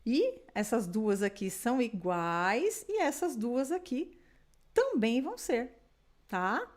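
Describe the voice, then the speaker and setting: A woman from Brazil teaching an English lesson in Portuguese, patiently drilling words slowly for the listener to repeat. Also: a little high, big pitch swings, darkish tone. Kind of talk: online language lesson.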